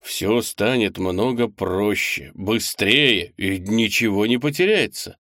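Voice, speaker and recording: A man's voice: on the low side, takes it slowly, fairly bright tone, no echo, clean studio sound. A man voicing a polite, deferential young male clerk in an audiobook, speaking formally and earnestly. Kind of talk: audiobook character voice.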